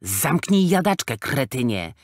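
A man's voice: medium pitch, normal speed, no echo, studio quality, close to an everyday voice. Brief: man doing a heavyset scheming gangster in an audiobook, scornful, bossy, leaning on every word. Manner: sly, scornful, hissing threats. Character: fat sly middle-aged male gangster.

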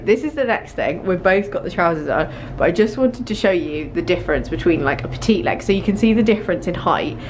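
Holding her vlogging camera in a cramped shop fitting room, a young adult British fashion vlogger chats informally while trying on clothes, doubling up words for emphasis. She talks a little fast with few pauses, in a fairly low, lively voice, over a noisy background.

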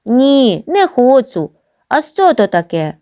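A woman's voice: high voice, big pitch swings, takes it slowly, dark tone, smooth, pitched above the performer's own voice, exaggerated voice. A woman voicing a small, naive village boy with a childish lisp, in a storybook reading. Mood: timid, tearful. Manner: childish lisping speech.

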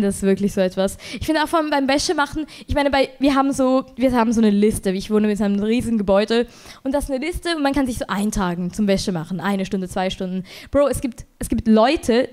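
Young woman doing stand-up. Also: a little mellow. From Switzerland. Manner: rambling, self-deprecating, quick jumps in pitch when exasperated. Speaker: stand-up comedian. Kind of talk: stand-up comedy set. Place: comedy club stage.

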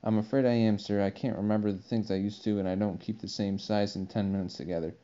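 A man's voice: fairly low pitch, fairly even intonation, fast, warm tone, natural voice. A man voicing a polite, curious young girl in an audiobook, speaking timidly and earnestly. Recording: dull lo-fi recording.

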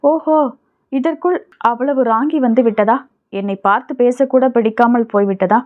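A woman's voice: a little high, moderate pace, natural voice. A woman voicing an angry, jealous young village woman who scolds sharply, on tinny phone-like audio.

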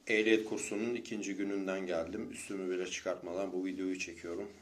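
Low-voiced man giving a vlog update. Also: fairly even intonation, fast talker. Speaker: motorcycle vlogger.

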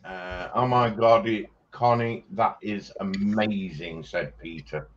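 Low-voiced man, slow, chatty. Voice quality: chatty and jokey, laughs often. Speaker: livestream host. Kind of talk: casual livestream chat, reading viewer comments aloud. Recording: slightly dull sound with faint background noise.

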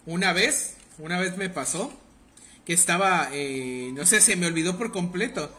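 A young man with a Mexican Spanish accent rambles through a live game stream, teasing his chat with crude banter. His voice sits a little high and comes across bright and forceful. A faint background hiss runs under the talk. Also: normal speed. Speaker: livestreamer. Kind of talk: casual live gameplay commentary.

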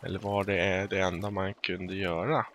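A young-sounding Swedish man chats through his gameplay in a bright, forward voice. He jokes and hums improvised tunes as he goes. Faint noise sits under the recording. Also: deep voice, level tone. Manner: playful, improvises silly songs and exclamations. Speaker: let's play gamer. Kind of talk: casual gameplay commentary.

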